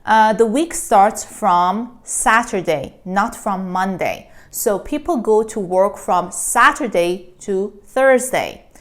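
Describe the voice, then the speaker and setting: A woman teaching a language lesson, a Persian speaker who patiently says each word several times with careful, drawn-out pronunciation. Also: mid-range voice. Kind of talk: slow spoken language lesson.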